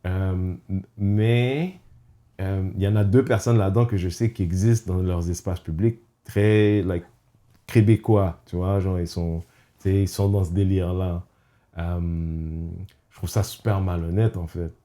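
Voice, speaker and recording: Speaking in a casual podcast conversation, the male host keeps a fairly even intonation. His low voice sounds warm and mellow, and he tends to halt, restart his sentences and reflect, slipping in bits of English.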